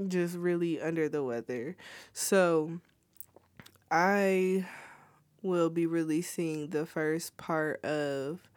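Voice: medium pitch, smooth, no room sound. A podcast host, sick with a cold and stuffy-nosed, talking casually and apologetically to listeners in an informal solo announcement. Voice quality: stuffy, congested nose.

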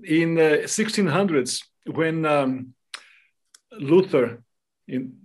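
Here a guest speaker in an interview talks through devotional matters, his voice fairly high, slow and a bit breathy. He is a Brazilian man whose native language is Portuguese, and he has a Brazilian accent.

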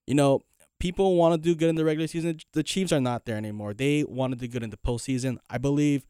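A man co-hosting a sports talk show in casual chat, giving steady, measured analysis. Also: mid-range voice, clean tone, no echo, clean studio sound. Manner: steady, measured analysis with many "you know" fillers.

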